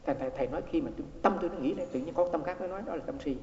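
A man with a slightly high, warm voice speaks in rapid bursts over a faint hiss or hum. He is a Buddhist monk giving a dharma talk, telling a story, repeating words and acting out the quoted exchanges. The echoey hall gives the recording a dull, lo-fi sound.

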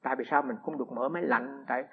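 A man, a Buddhist monk giving a humorous storytelling sermon with lively anecdotes and frequent restarts. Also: medium pitch, racing, gravelly, slightly rough. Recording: echoey hall, dull lo-fi sound.

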